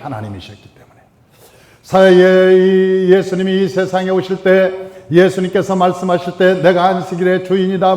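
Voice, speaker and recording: A man preaching a sermon as pastor, emphatic, repeating his phrases and swinging between loud and soft. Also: sits high. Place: church sanctuary. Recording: reverberant church hall.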